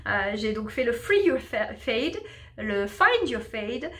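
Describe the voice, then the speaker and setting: Taking it slowly, she speaks in a sing-song way with a fairly high, somewhat bright voice. The speaker hosts a knitting podcast and also teaches English, chatting casually with many fillers and restarts.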